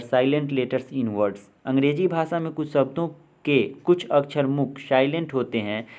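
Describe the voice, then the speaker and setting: A man's voice: medium pitch, darkish tone. A man with an Indian accent teaching an English lesson, spelling words letter by letter and giving their meanings. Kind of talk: slow spoken lesson.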